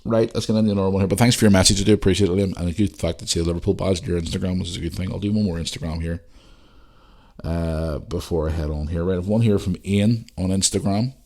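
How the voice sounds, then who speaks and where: A man from Northern Ireland hosts a podcast, casually reading and responding to listener messages. He speaks fast in a low, slightly mellow voice with fairly even intonation.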